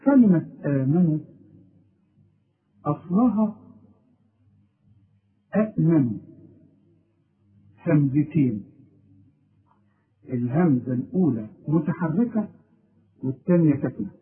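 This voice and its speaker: A man's voice: a little high, expressive, takes it slowly, pauses often, slightly rough. A man with an Egyptian Arabic accent teaching a recitation lesson, asking and then answering his own questions and stressing key words. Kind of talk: explanatory lesson. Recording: tinny phone-like audio.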